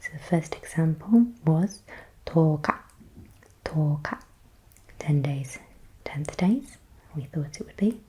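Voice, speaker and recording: A woman whispering softly in ASMR style, slowly repeating words and thinking aloud as she guesses. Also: low voice, animated, slight background noise, poor audio. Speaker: ASMR creator.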